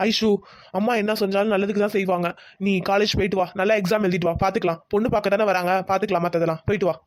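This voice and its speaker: A woman's voice: medium pitch, fairly even intonation, very fast. A woman voicing a family cartoon comedy in a pleading, reassuring tone. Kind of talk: cartoon voice acting.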